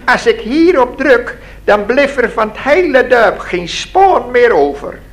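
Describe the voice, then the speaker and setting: A man voicing a sly, sinister little man who boasts about carrying bombs, in a high, squeaky, sneering voice. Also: big pitch swings, measured pace, exaggerated voice. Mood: boastful. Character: sly sinister little man, cold-handed bomb carrier.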